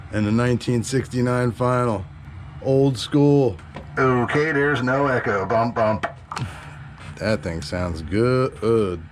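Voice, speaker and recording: A man's voice: lowish voice, a little hiss or hum. A man casually narrating a demo of a CB radio he built, slangy and upbeat. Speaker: CB radio builder.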